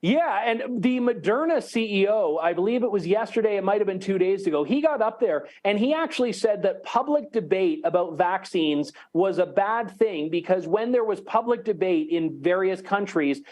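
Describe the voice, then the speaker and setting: Journalist guy calling in, dry and wry, pretty high voice. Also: expressive, moderate pace, hardly any pauses, a little mellow. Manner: dry, wry, matter-of-fact. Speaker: journalist guest. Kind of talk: remote interview.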